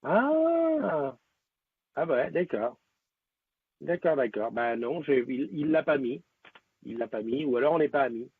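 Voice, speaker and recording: Husky man chatting on a tinny stream. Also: mid-range voice, normal speed, dry recording. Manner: rambling, with many fillers and restarts. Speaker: live-stream host. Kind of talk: casual live-stream chat with viewers. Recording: tinny, lo-fi phone-like sound.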